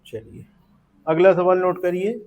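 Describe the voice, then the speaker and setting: A man's voice: sits high, little pitch movement, unhurried, narrow, tinny audio. A man teaching math to a classroom of students, coaxing them along and quizzing them step by step to check they follow. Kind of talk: live classroom lesson.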